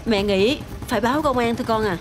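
A woman's voice: on the high side, quick pace, natural voice. An actress playing a worried mother searching for her kidnapped son, frantic and pleading, in a TV drama. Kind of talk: TV drama acting. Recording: TV drama with music underscore.

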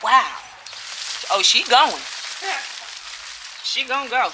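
A woman's voice: a little high, animated, slow, noisy background. A woman chatting casually to viewers while working in her backyard garden. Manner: chatty, laughing, talks to viewers as y'all. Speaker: urban homesteading vlogger. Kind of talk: casual garden vlog chat.

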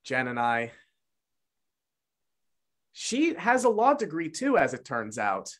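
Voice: mid-range voice, huge pitch swings, slow. Matter-of-fact improv performer. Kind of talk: improvised sitcom scene.

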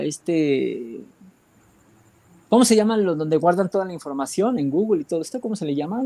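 A man with a Mexican accent giving a rambling spiritual talk, often searching for words and filling pauses. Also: a little high, vocal fry, mellow. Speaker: guest speaker.

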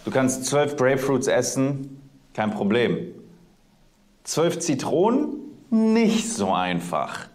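A man giving slow, drawling, preachy advice in a played video clip. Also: mid-range voice, big pitch swings, darkish tone.

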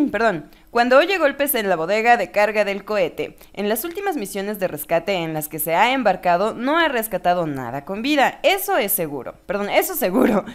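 A woman gives playful, giggly let's-play commentary, reading game text aloud and often correcting herself. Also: medium pitch. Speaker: gaming video host.

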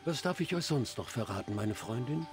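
A man playing an anxious, devout dark-elf priest in a fantasy game, speaking formally and earnestly. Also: mid-range voice, animated, fairly quick, over music, close to an everyday voice. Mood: formal, reverent. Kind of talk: fantasy game dialogue acting.

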